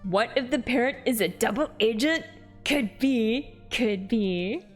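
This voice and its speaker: Female game streamer, slightly high voice, slow easy pace, giggly and playful live chat. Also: lively intonation, faint music behind.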